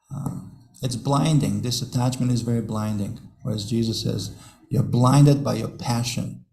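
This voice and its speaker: A man speaks slowly with a deeply gravelly, creaky voice, giving a devotional class in a roomy temple hall. He tells stories to the room, chuckles often and doubles back on his words. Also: a little mellow, soft background music. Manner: chuckles often, repeats words, talks to the audience. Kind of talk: devotional class talk with storytelling.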